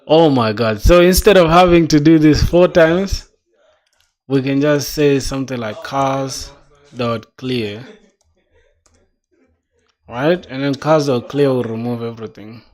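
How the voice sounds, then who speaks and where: Reading documentation aloud while he codes, a young self-taught South Sudanese programmer thinks out loud in a casual, musing way, using "bro." He speaks a little slowly in a darkish, mid-range voice, pausing often.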